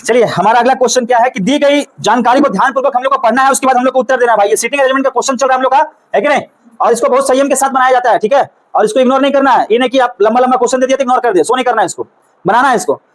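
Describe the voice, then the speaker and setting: Hindi-speaking teacher coaxing a class. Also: male voice, extremely high pitch, very fast, rough recording. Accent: Bihari Hindi. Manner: coaxing, repeats questions to the class. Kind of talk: classroom reasoning lesson.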